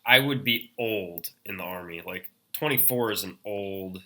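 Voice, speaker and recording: A young man in his twenties chats casually as a podcast guest, laid-back and quick to laugh. His voice sits low in pitch. It has a very bright, forceful edge. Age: 20s. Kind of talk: casual chat.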